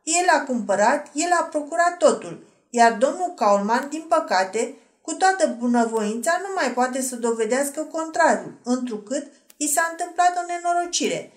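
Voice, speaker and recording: A woman voicing a smug, self-assured nobleman with a slightly hoarse voice in an audiobook, mocking and unhurried. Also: sits high, animated. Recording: roomy echo.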